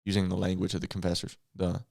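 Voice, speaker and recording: A man's voice: low voice, completely flat delivery, fast talker, gravelly, a little mellow, no room sound, clean studio sound. A man co-hosting a podcast, reasoning through a book in loose, thoughtful casual talk. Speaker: podcast co-host. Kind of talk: casual theology discussion.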